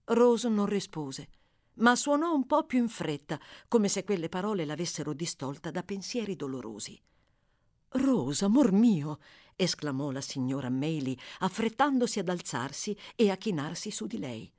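A woman reading a novel aloud, measured and expressive, with slow pauses. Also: on the low side, dry recording, clean studio sound. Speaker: audiobook reader. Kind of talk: scripted literary narration.

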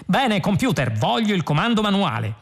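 Guy reading doing a high-pitched excitable space adventurer, cocky and loud, gravelly, faint music. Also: moderate pace, full character voice. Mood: excited bluster. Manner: shouting, excitable, overconfident.

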